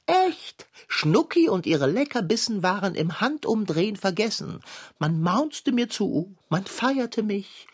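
A vain, theatrical tomcat with lofty manners, as a woman plays him in a children's audio drama. The voice is husky and breathy, and it swings widely in pitch, dramatizing every complaint. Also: sing-song, slow, exaggerated voice. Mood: gleeful. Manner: haughty, affected and mannered speech. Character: vain pompous male tomcat, theatrical and fussy.

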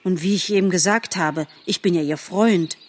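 Woman doing a proud young deer bragging in a storybook, slow solemn telling, bit husky voice. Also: on the low side, close to an everyday voice. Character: young male deer, boastful and earnest.

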